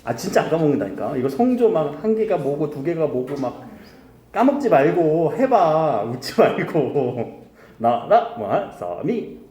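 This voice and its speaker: Male grammar teacher, casual, keeps quizzing the class, animated pitch, roomy echo. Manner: casual, quizzing students with quick questions. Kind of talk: recorded lecture to high school students. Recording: echoey room.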